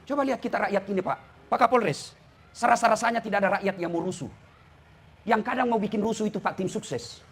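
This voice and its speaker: High-voiced, bright joking male preacher. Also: fast, a little hiss or hum. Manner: teasing, addresses listeners as "Pak". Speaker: preacher and lecturer. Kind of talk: humorous sermon to officials.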